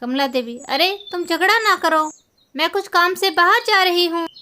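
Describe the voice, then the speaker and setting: A woman's voice: very high voice, moderate pace, pushed and bright. A woman voicing a busy village mother who hurries her children along. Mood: hurried. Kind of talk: storybook voice acting.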